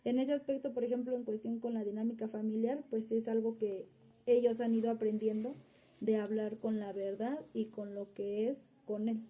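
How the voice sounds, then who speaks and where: Woman, mother being interviewed, rambling with fillers, somewhat high pitch, husky. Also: level tone, normal speed, dark tone. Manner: rambling, frequent fillers and restarts. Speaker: mother of interviewee's subject child. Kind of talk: interview answer, casual storytelling.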